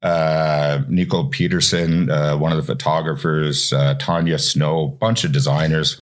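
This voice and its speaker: A man's voice: a bass voice, fairly even intonation, a little slow. A man talking as a guest on a podcast about his publishing work, chatty, repeating and restarting words as he goes. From Canada. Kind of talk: casual podcast interview.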